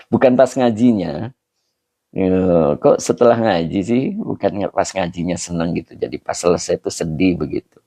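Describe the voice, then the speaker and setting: A male preacher winds down his online study session, reading out viewer names and comments in a relaxed, joking way. His voice is deep and gravelly, with a dark, mellow tone. It sounds dry and close, with no room around it. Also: moderate pace, dry recording. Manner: chatty, laughing, switches between Indonesian, Javanese, Sundanese and Arabic. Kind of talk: casual livestream closing, reading comments aloud.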